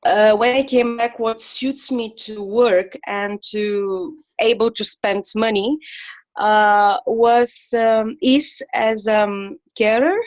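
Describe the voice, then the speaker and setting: A woman introduces herself over a video call, speaking slowly and pausing often to find her words. Her voice sits fairly high for a woman. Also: fairly even intonation, rough recording. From Bulgaria. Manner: halting, searching for words.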